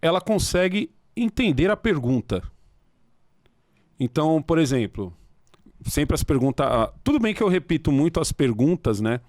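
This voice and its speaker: A man casually telling anecdotes and using slang in a relaxed podcast conversation. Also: a little high, normal speed, no echo, studio quality. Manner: chatty storyteller, slangy, tells anecdotes.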